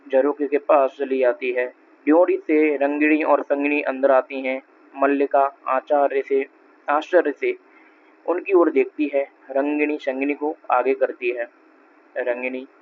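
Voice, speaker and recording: Man reading a play over a tinny line. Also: medium pitch. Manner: reads every character's lines in his own voice, announcing each speaker. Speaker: reader of a play. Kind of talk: reading a stage play aloud with stage directions. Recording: tinny narrow-band recording with faint noise.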